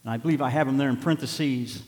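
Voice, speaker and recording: A man's voice: medium pitch, quick pace, darkish tone, in a large hall. A pastor in his late fifties preaching a sermon, moving from conversational reflection to emphatic, rising exhortation. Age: 50s. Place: church sanctuary.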